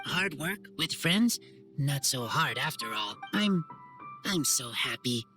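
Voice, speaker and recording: Woman voicing a low, halting wild boy. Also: sing-song, a bit bright, soft background music, full character voice. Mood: heartfelt. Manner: halting, simple short sentences, earnest. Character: earnest, shy wild boy raised by wolves. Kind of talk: animated video game voice acting.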